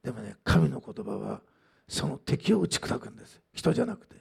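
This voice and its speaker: Man in sermon mode, husky and gravelly, chatty asides, lively pitch. Pastor type. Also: fairly quick. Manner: conversational, frequent "ね" asides, many fillers. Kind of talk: sermon with testimony.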